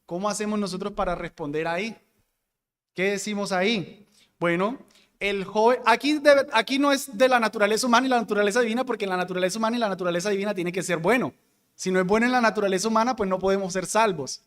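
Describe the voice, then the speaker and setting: High-voiced man teaching Bible class. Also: quick pace, fairly bright tone, long reverb tail. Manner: explanatory, asks the class questions and answers them.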